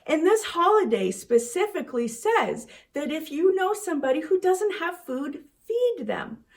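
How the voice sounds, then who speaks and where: A young woman teaching a children's church lesson, telling a Bible story in an animated, chatty way. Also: very high voice, a little slow.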